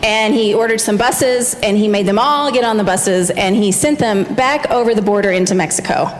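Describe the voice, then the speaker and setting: A woman minister telling a lively, expressive story to a church congregation. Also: mid-range voice, normal speed, a little hiss or hum. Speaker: family minister. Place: large church sanctuary. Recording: church hall with long reverb.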